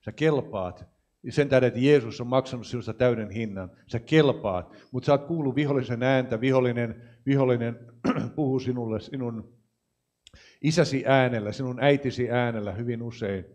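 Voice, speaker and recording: A man's voice: mid-range voice, darkish tone. A man preaching and praying for healing, with fervent, repeated declarations. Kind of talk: healing prayer and prophetic words.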